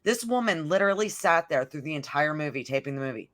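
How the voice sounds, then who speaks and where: A woman co-hosting a podcast tells stories in casual chat, leaning heavily on "like." Her voice is low yet fairly bright in tone, expressive, and she talks fast.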